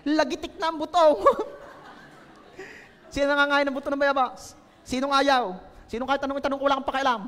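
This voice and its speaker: A Filipino man delivers a playful sermon, teasing his congregation and asking them questions. His voice sits unusually high for a man. The church hall around him gives it a long, ringing echo. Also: steady tone, brisk, long pauses, a bit bright. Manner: joking, asks the congregation questions. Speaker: pastor. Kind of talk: lively humorous sermon.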